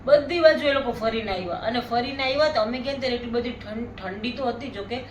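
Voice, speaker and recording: High-voiced woman telling a story. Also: fast, echoey room, highs cut off, slight background noise. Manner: animated storytelling, prone to laughing. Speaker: family vlogger. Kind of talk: casual chat.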